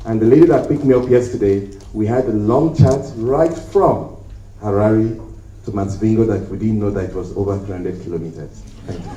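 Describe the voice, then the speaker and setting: The conference speaker here has a fairly low, mellow voice and a moderate pace. In an echoey hotel hall he tells jokey stories, acting out the characters' voices. He uses a handheld mic at first and later sets it down, putting him far from it.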